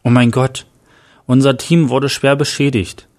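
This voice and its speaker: A man's voice: mid-range voice, flat delivery, a little slow, natural voice. A man voicing a grieving male team leader, shaken but determined, who speaks urgently with emotional outbursts.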